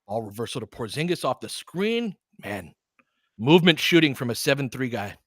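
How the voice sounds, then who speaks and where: On a casual fan livestream, a male play-by-play host calls basketball in short, clipped phrases broken up by chatty asides. His medium-pitched voice has a sing-song lilt at a moderate pace, recorded dry with studio quality.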